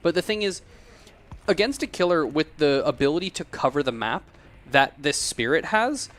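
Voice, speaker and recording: A man giving excited, analytical live commentary on a video game match as an esports caster. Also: fairly high pitch, moderate pace.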